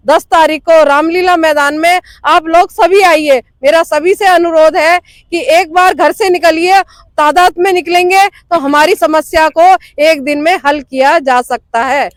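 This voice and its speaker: A woman protester with a very high voice pleads urgently for others to join. The sound is dry and close-miked. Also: no echo. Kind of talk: appeal at a protest.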